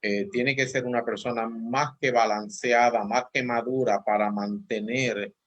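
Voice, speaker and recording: A man, a pastor on a church talk show, calmly discussing parenting with personal anecdotes. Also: mid-range voice, measured pace, dull audio.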